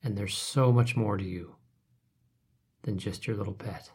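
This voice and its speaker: A man leading a guided relaxation meditation, speaking softly and calmly, his phrases trailing off into whispers. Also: fairly low pitch, measured pace, breathy edge. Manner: soft, calm, trailing off to whispers.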